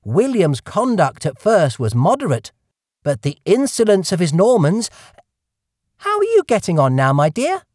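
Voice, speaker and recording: A woman's voice: lowish voice, huge pitch swings, normal speed, a little mellow, dry recording. A woman voicing a fussy, self-important male mouse who lectures in a pompous, dry tone. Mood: cross.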